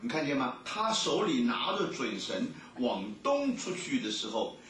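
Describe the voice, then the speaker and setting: A man preaching a sermon and reading scripture aloud, telling the story in a lively way and stretching out his filler words. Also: medium pitch, measured pace, slight background noise. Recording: echoey room, mic at a distance.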